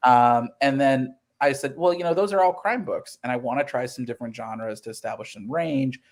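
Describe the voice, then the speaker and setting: Brisk and medium-pitched, a male comic book writer in his thirties talks as an interview guest. He explains his creative process earnestly and tells it like a conversational story, acting out the lines he quotes.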